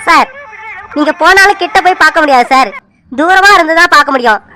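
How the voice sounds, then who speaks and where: A brisk young messenger man, high and bright in tone, delivering news flatly and rushing people along. The delivery stays matter-of-fact throughout this cartoon. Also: poor audio. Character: young male hospital messenger, brisk and blunt.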